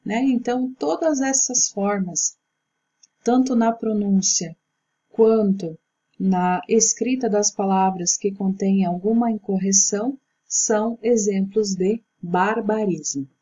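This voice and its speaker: A woman teacher giving a recorded grammar lesson, explaining patiently and slowly. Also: mid-range voice, warm tone, breathy edge, muffled recording. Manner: slow, patient explaining with slides.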